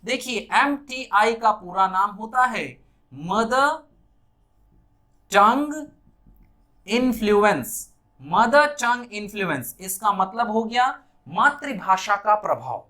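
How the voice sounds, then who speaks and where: A man's voice: high-pitched, animated, sharp tone. Indian man teaching English pronunciation. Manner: slows right down and spells out English words syllable by syllable. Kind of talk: classroom lesson in Hindi with English examples.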